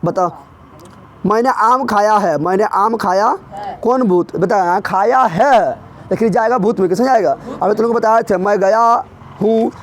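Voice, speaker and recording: A man teaching a grammar revision lesson in a classroom, drilling his students with quick repeated questions. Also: high voice, a little hiss or hum.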